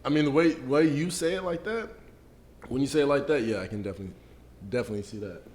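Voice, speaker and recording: A man co-hosting a casual podcast chat, animated and slangy, quick to laugh. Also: medium pitch. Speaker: podcast co-host.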